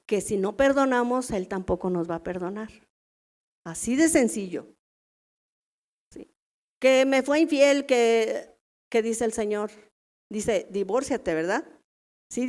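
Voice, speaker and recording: A middle-aged Mexican woman gives a casual, talky church lesson to a room of women. Her voice sits a bit high, and she keeps turning to her listeners with quick questions. It feels like everyday preaching rather than a formal sermon. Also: darkish tone. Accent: Mexican Spanish. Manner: chatty, asks the audience rhetorical questions. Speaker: women's ministry teacher. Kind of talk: conversational church teaching.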